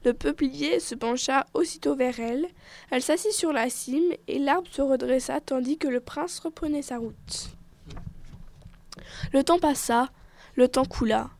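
High-voiced woman reading a fairy tale. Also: vocal fry. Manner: expressive, measured storytelling. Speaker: storyteller.

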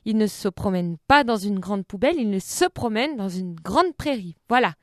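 A woman's voice: medium pitch, expressive, normal speed, no room sound, studio quality. A woman hosting a comic radio show, telling a story in a playful, mock-earnest way.

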